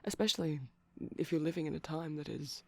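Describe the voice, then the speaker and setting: The vampire in this ASMR boyfriend roleplay is shy and gentle, voiced by a soft-spoken man who rambles haltingly, breathy and often whispering. His voice is on the high side with a steady tone, recorded without room sound.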